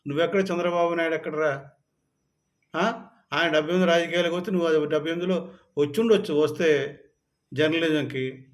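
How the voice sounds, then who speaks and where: A man's voice: a little high, steady tone, brisk, long pauses. Angry scolding man. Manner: scolding, rising to shouted anger. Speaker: political commentator. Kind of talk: angry political rant to camera.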